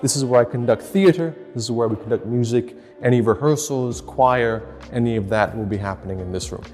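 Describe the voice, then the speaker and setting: A man on a school's staff leading a tour, explaining the rooms slowly and deliberately, often restarting his phrases. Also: mid-range voice, a little mellow, long reverb tail, faint music behind. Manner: slow, deliberate, with frequent restarts.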